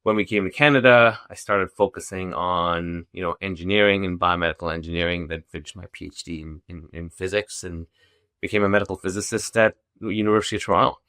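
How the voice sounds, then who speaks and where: Middle-aged guy from zambia, deep voice, lots of ums and restarts, dry close sound. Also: fairly even intonation, pushed and bright, smooth, dry recording. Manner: halting, many restarts and fillers. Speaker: podcast guest, company founder. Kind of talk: casual interview chat.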